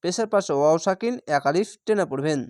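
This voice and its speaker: A man teaching Quran reading who spells out each letter and vowel mark before slowly reciting the whole word. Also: high voice, animated, a little mellow, no echo, clean studio sound. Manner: draws out recited words slowly.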